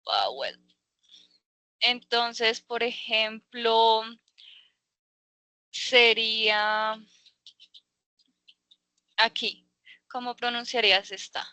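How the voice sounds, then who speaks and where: Slow bright-voiced woman teacher. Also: a little high, expressive, clear, resonant tone, no room sound. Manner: patient, explains slowly with many fillers. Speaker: English teacher. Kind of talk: online class. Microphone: video call.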